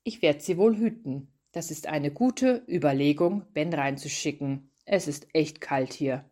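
A little Christmas tree, put on by a woman reading aloud, shy and easily overjoyed, thinks its thoughts in a soft, wondering way. Her voice sits low. It is a storybook figure, gentle rather than cartoonish. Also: unhurried. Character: small shy Christmas tree, joyful and timid.

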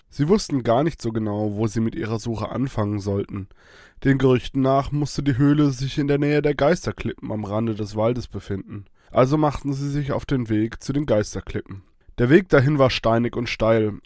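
A man calmly narrating a children's fairy-tale adventure. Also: mid-range voice, no room sound, clean studio sound. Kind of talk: children's story reading.

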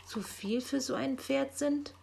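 A woman's voice: sits high, unhurried, creaky, a little mellow, slightly rough, voice pushed up, heavily acted. A woman voicing a clumsy, naive young male helper who talks in a chatty, earnest way. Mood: explaining.

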